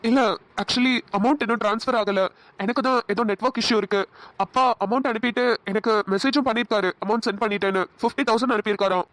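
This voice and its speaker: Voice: medium pitch, quick pace, fairly bright tone, no echo, lightly acted. A performer voicing a broke, scheming young man in a cartoon, stammering and evasive. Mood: flustered. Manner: hesitant, stammering fillers. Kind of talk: Tamil cartoon dubbing.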